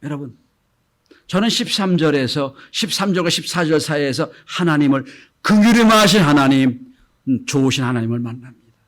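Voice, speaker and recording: A middle-aged male pastor delivers a Sunday sermon in a slightly high voice. He lets his pitch and volume rise and fall widely, softening into tender quoted speech before climbing loud again. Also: lively intonation, normal speed. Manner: acts out gentle quoted speech, swings between soft and loud.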